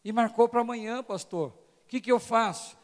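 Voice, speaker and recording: A man preaching a sermon, telling a story that builds from hushed tones to shouting. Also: very high-pitched, moderate pace. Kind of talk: sermon testimony. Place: large church hall. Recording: long church hall reverb.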